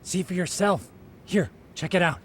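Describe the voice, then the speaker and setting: A man's voice: sits high, moderate pace, background noise, close to an everyday voice. A man voicing a polite, nerdy male internet sleuth in a video game, with a wordy, precise way of talking. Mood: informative. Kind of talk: English video game voice acting.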